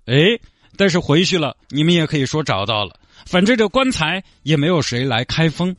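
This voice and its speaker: A man plays a young woman with a Sichuan accent, breezily talking her parents through a fake-death plan. The voice sits high and swoops a lot, and the sound is dry and close. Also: sing-song, normal speed, a bit bright, no room sound. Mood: scheming.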